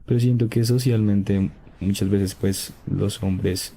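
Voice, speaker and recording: Very dark, flat-voiced young man. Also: lowish voice, slow. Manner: hesitant, searching for words. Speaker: podcast guest.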